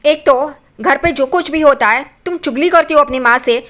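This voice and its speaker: A woman's voice: high voice, normal speed, a bit bright. A woman voicing a furious young wife who scolds a relative for gossiping, in an indignant tone.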